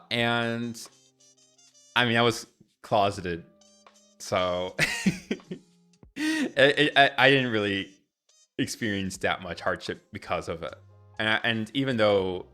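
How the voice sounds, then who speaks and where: Young guy streaming, low bright voice, rambly and candid, bit of music behind. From Ecuador. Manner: rambling, self-correcting, candid. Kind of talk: casual live-stream chat.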